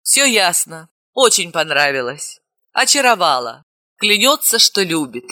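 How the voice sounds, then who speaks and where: A woman's voice: fairly low pitch, sing-song, a little slow, bright, forceful tone, no echo, clean studio sound, heavily acted. A woman reading an audiobook, voicing a stern woman in her thirties who scolds her young nephew. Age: 30s.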